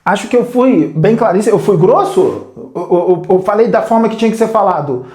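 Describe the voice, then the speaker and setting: A man's voice: high voice, expressive, a little fast, a little mellow, echoey room. A man with a Brazilian Portuguese accent giving a blunt, scolding spiritual lecture as a medium.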